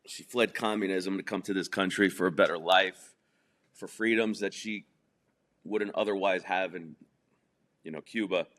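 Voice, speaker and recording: A man's voice: deep voice, steady tone, moderate pace, long pauses, fairly bright tone. A man from New Jersey whose first language is Spanish, telling his life story as a guest in a casual interview, chatty and full of fillers, laughing at his own jokes. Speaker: podcast guest.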